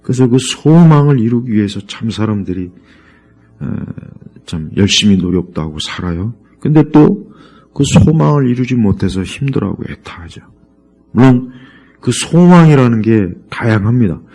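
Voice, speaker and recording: A middle-aged male pastor preaching a sermon, repeating key words emphatically and swinging between loud rises and quiet drops. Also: medium pitch, animated, normal speed. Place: church.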